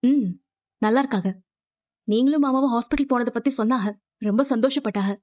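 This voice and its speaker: An actress voicing a gentle young daughter-in-law with a soft, concerned way of talking. Her voice is fairly high. The audio is dull and muffled, as if taken from a TV broadcast. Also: a little fast, natural voice. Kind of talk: Tamil serial drama.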